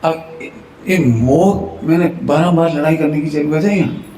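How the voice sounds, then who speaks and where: A man preaches a devotional sermon in a temple hall, his fairly high voice carrying through a roomy, echoing space over a faint hum of ambience. He talks in an animated, storytelling way, acting out family squabbles and chuckling often. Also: measured pace. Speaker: Jain preacher.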